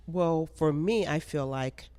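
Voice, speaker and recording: An American woman who produces a pageant, answering interview questions in an earnest, measured way. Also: sits low, dark tone, no room sound. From United States. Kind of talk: casual interview.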